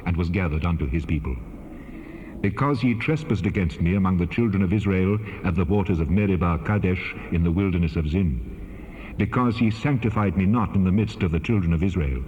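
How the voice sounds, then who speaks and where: An actor playing God as a stern, majestic, commanding divine voice in dramatized scripture, solemn and authoritative, with cavernous reverb. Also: male voice, deep voice, darkish tone. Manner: solemn, slow-weighted, authoritative. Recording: dull, reverberant cassette rip, faint hiss.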